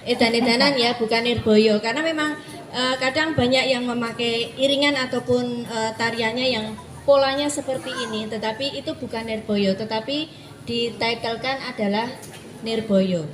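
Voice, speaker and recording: A woman hosting a talk, lively and teasing as she passes questions to guests. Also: on the high side, moderate pace. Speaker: host. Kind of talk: moderating a talk. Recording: echoey room with audience.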